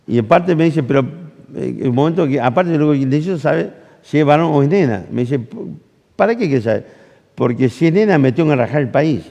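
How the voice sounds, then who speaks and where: A man's voice: a little high, fairly quick, creaky. A man with an Argentine accent preaching a sermon, telling a personal story with acted-out dialogue and questions to the congregation. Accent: Argentine Rioplatense Spanish. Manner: animated storytelling, acts out dialogue, asks the audience questions. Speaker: pastor. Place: church camp hall. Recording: long hall reverb.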